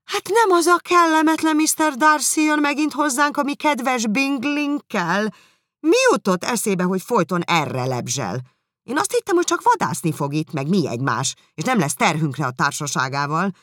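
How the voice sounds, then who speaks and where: Audiobook character: a fussy, bossy mother with a high shrill voice, done by a woman reader. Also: animated, a bit bright, no echo, clean studio sound. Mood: indignant. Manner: exclaiming, complaining, bossy. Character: fussy, excitable middle-aged mother, shrill.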